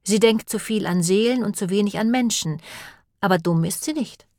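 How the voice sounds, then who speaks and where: A woman reading an audiobook and voicing a clever, thoughtful female sheep who reasons in a calm, deliberate way. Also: medium pitch, dry recording, studio quality, natural voice. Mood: thoughtful reasoning.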